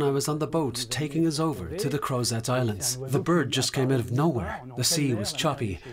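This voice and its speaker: A man reading a translated interview answer as a voice-over. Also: medium pitch. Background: other voices murmuring underneath.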